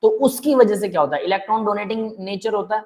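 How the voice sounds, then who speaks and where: Speaking fast in a high register, a male chemistry teacher runs a relaxed live online lesson, working through each step and often making sure students are following. His warm manner shows in how he calls them "beta" and "bhai."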